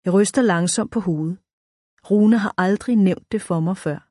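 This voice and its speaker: A woman narrates a children's story in the first person, clear and even. Her pitch sits mid-range, and the recording is close and dry. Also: dry recording. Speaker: audiobook narrator.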